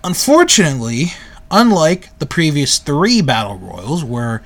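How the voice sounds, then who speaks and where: A man with a fairly high voice recaps a video in an easygoing, unhurried way. He pads his sentences with fillers and stops to correct his own wording as he goes. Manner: relaxed, self-correcting with frequent fillers. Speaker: video reviewer. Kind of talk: casual recap commentary.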